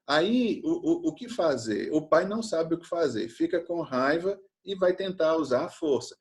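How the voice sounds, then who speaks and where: A man's voice: fairly high pitch, lively intonation, normal speed. Man teaching a fathers' session. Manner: tells stories and acts out quoted lines.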